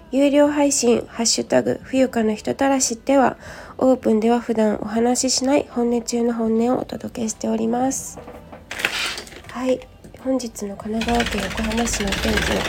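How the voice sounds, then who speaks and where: A woman with a hoarse, gravelly just-woken voice, hosting a casual solo audio diary in a polite, rambling way, thinking aloud. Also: a little high, steady tone, normal speed, background noise. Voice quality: gravelly, croaky morning voice. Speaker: host of a personal audio show and tea and clay teacher. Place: at home. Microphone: smartphone.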